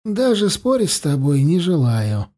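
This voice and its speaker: A man's voice: a little high, very animated, a little slow, warm tone. A man voicing a stern, cold, self-righteous male priest who acts as torturer. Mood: cold, contemptuous. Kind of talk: audiobook character voice.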